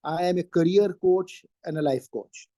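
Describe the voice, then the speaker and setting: A man's voice: high voice, moderate pace, mellow, no echo. A man, answering interview questions emphatically and repeating his key phrases. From Pakistan. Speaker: interview guest, trainer and career coach.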